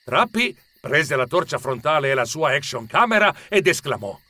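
A man narrating a children's story with expressive storytelling. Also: on the high side, normal speed, dry recording.

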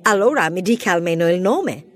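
A woman voicing a brisk female mouse who teaches literature, firing off incredulous questions in a storybook reading. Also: lowish voice, expressive. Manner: quizzical, rattling off questions.

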